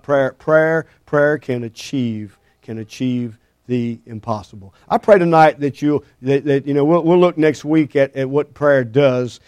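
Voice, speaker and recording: A man's voice: medium pitch, darkish tone, no echo. A man preaching a folksy sermon in a small church, often repeating and restarting his words. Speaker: pastor.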